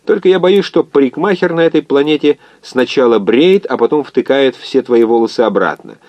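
A man's voice: medium pitch, moderate pace, dry recording, lo-fi sound, voice pushed up, lightly acted. A man voicing an ironic, unflappable male doctor who jokes his way through hardship. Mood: wry, teasing. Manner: bantering, bright and teasing.

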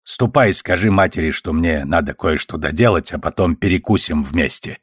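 A man doing a blunt old grandmother, deep voice, curt, sharp-tongued, audiobook, dry sound. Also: normal speed, slightly rough, no room sound. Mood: gruff. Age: older. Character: blunt, foul-mouthed elderly grandmother politician.

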